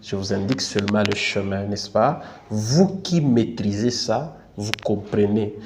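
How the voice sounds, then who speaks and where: Speaking in a fairly low, darkish voice at an unhurried pace, this Congolese French-accented man walks viewers through an on-screen lesson. There's slight hiss or hum, and he keeps adding "n'est-ce pas," repeating points patiently and saying sorry for his English.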